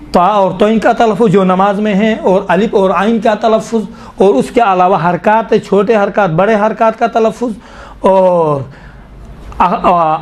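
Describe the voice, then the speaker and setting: A middle-aged man with a notably high voice teaches a class on Quran recitation. He explains each rule patiently and often breaks into slow, drawn-out recitation to demonstrate. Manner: explains step by step, slowly recites and repeats verses to demonstrate. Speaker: tajweed teacher.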